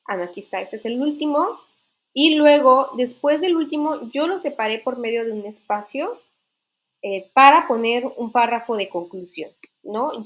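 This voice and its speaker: A woman teacher explaining writing rules in an online literature class, patient, often checking that students follow. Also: mid-range voice. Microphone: computer mic in an online class.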